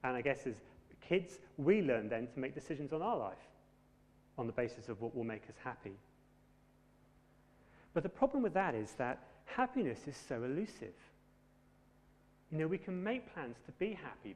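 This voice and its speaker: A man preaching a sermon in a conversational, gently humorous way. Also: medium pitch. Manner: conversational, self-deprecating humour. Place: church. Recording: long hall reverb.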